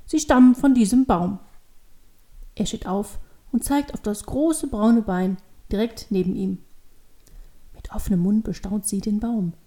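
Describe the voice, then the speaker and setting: A woman narrating a children's storybook in a measured, expressive way. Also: mid-range voice.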